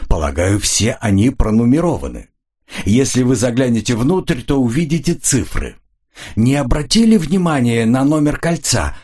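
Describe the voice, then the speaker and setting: A man doing a calm, probing colonel. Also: mid-range voice, slightly rough, pitched above the performer's own voice. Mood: measured. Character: cool, measured older male intelligence colonel.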